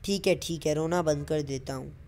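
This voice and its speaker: Woman as cocky male comic superhero, lecturing, short-fused, low-set voice, comic voice-over dub. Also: moderate pace, a little mellow, a little hiss or hum. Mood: bossy. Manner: exasperated, lecturing, hot-tempered. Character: brash young male superhero, bossy and boastful.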